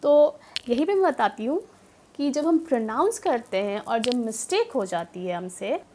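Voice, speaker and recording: A woman with a bright, high voice explains reading to parents and teachers in an earnest, patient way. She pauses on fillers and drops English words into her sentences. A faint hum of background noise sits under the voice. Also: very animated. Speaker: educator.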